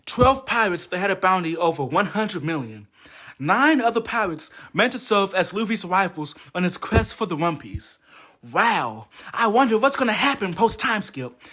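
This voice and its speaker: A man's voice: high-pitched, bright, forceful tone. A man doing a comedic anime commentary rant, exasperated, profane and mocking. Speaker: video essayist.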